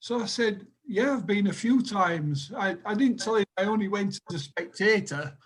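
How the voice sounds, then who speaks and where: A high-pitched older man with a Sheffield accent spins a chatty anecdote over a video call. He laughs at his own jokes as he goes, casual and easy. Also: lively intonation, moderate pace, a little hiss or hum, poor audio. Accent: Sheffield English. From England. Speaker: group member telling a story.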